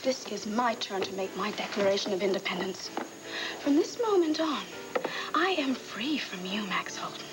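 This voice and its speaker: A woman's voice: mid-range voice, steady tone, fairly quick, few pauses, over music, lightly acted. An actress playing a wounded, proud, defiant woman in a television soap opera, speaking with bitter, dramatic emphasis.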